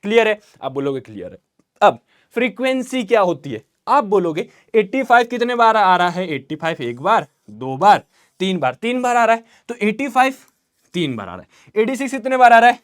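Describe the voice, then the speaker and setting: A young man with an Indian accent teaching an online maths revision lesson, chatty and energetic, asking questions and answering them himself. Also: sits high, normal speed.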